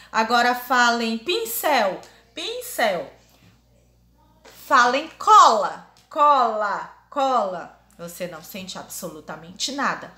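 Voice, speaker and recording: A woman teacher giving a grammar lesson to young pupils, saying example words over and over slowly. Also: on the high side, sharp tone. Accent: Brazilian Portuguese. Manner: drills words aloud, repeating them slowly. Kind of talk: primary school grammar lesson. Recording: echoey room.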